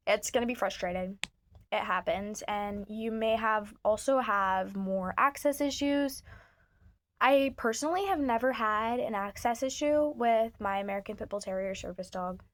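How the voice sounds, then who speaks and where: Woman, phone-recorded vlog; blunt, chatty, swears freely. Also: a little high. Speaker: service dog handler. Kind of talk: casual vlog talk to camera. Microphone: phone camera mic.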